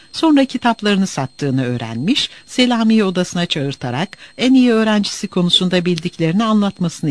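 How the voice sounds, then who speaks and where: A man narrating a novel in an expressive storytelling manner. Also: high-pitched, no echo. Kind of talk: audiobook narration.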